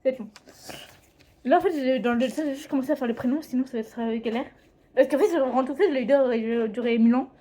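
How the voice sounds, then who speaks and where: In a home drawing vlog, a teenage girl makes casual conversation indoors, rambling and hesitant, often going back to correct herself. Her voice is a little high and warm in tone.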